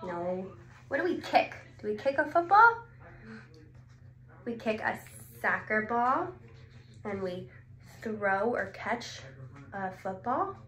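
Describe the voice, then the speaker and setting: In a small clinic room, a medium-pitched woman in her 20s, a speech therapist, animatedly reads a picture book, exclaiming and posing questions that she answers after a pause. There's a roomy echo and clearly audible background noise.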